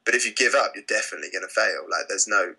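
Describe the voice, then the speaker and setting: Bright-voiced British man, halting and relaxed. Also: on the low side, husky, rough recording. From Britain. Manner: relaxed, hesitant, lots of fillers and restarts. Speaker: lead singer of a rock band. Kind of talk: casual interview.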